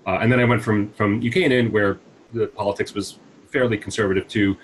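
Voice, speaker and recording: Here a man from the United States, forties, talks briskly in a lowish, steady tone. He runs a nonprofit and is being interviewed on a video call, using wired earbuds indoors in a small home room. His answers are thoughtful yet packed with fillers and false starts, and the rough recording has a bit of hiss or hum.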